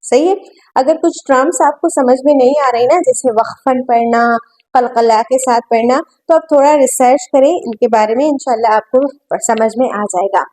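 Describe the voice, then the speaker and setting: A woman teaching a tajweed lesson, patiently spelling out letters and vowels syllable by syllable and reciting slowly, with quicker stretches of explanation between. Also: high-pitched, dark tone, rough recording.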